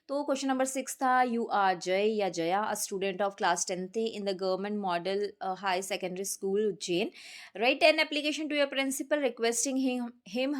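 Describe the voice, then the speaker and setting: A woman English teacher walking students through a board exam paper, explaining step by step and answering her own questions. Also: a little high. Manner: reads question items slowly and clearly. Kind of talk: exam paper walkthrough lesson.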